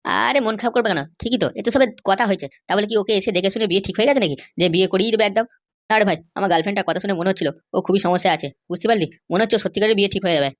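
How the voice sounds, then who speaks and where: A woman's voice: medium pitch, racing, natural voice. A woman voicing a worried young cartoon man who rambles on about his girlfriend's family. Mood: grumbling. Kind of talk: cartoon voice acting.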